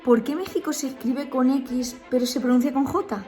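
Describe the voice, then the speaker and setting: A woman from Spain with a Peninsular Spanish accent, explaining language in a cheerful, expressive, chatty vlog style. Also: sits high, moderate pace. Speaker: language YouTuber. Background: background music.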